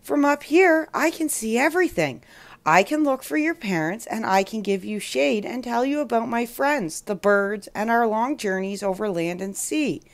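A woman voicing a sad, gentle little cloud that has lost its flock, speaking softly. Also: a little high, expressive, normal speed. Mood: kind.

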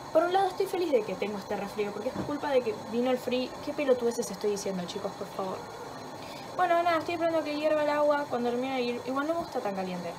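Background noise fills this casual vlog chat from a home kitchen, where a young Rioplatense-accented woman with a sore throat and blocked nose rambles on. Her voice is fairly high, and she's chatty and self-mocking, swearing freely.

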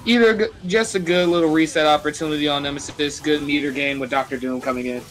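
A man's voice: on the high side, fairly even intonation, fast talker, a bit bright, low-quality recording. A man giving casual live play-by-play commentary on a fighting game. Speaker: esports match commentator.

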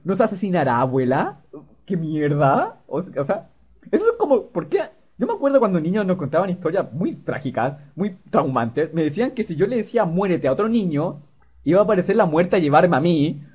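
A man's voice: high-pitched, big pitch swings, brisk, a little mellow, husky. A young man playing a horror game, swearing and joking as he reads the dialogue aloud. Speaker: gamer. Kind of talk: let's play commentary.

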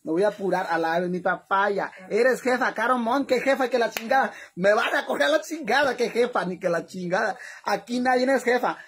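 A woman's voice: fairly high pitch, a little fast, a little hiss or hum. Chatty Mexican woman livestreaming. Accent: Mexican Spanish. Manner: chatty and animated, laughing often, repeatedly addressing viewers as "hermanas". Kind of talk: casual livestream chat to followers.

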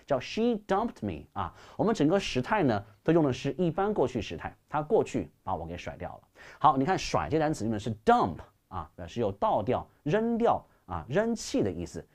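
Lively, animated male English teacher. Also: mid-range voice. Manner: lively, encouraging teacher, reads English slowly and carefully. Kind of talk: bilingual classroom lecture.

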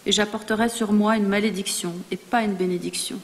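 Woman reading a worried younger son, measured delivery, long reverb. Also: mid-range voice, fairly even intonation, natural voice. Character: anxious younger son fearing a curse. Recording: long reverb in a large hall.

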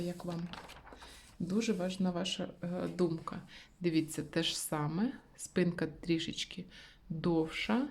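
A woman hosting a knitting channel, reviewing a magazine in a soft, often whispered way, pausing with fillers. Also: fairly low pitch.

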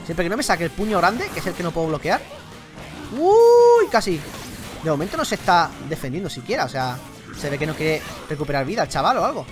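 A young man with a Spain Spanish accent giving excitable, slangy live commentary while playing a fighting game and chatting to his viewers. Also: a little high, fast talker. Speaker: gaming YouTuber. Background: game music.

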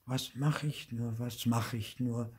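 A man's voice: medium pitch, lively intonation, normal speed, warm tone, lightly acted. An older man doing a frightened five-year-old boy. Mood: worried. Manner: anxious murmuring to himself. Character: scared little boy of five.

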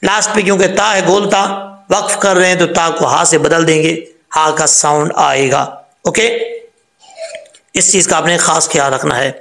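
A man explains recitation rules step by step, stopping to draw out example words slowly. His voice sits high and bright, with a gravelly edge. The room around him rings with echo. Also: steady tone. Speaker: Quran recitation teacher. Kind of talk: tajweed lesson.

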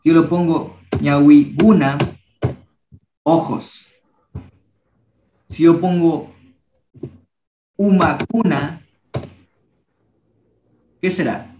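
A young man teaching a language workshop, patiently repeating each word slowly so students can copy its pronunciation. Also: on the high side, steady tone, warm tone, echoey room. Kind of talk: teaching a class.

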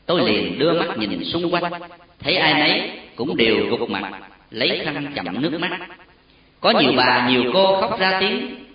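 A man narrating a solemn story with an expressive, emotional delivery. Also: a little high, normal speed. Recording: very echoey, distant, dull lo-fi sound.

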